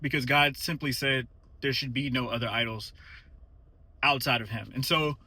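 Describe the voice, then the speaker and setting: A man's voice: medium pitch, steady tone, normal speed, pushed and bright, slightly rough, dry recording. A man talking casually to his phone camera while driving, a little out of breath after the gym, thoughtful and hesitant with many fillers. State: slightly out of breath. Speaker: vlogger. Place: inside a car.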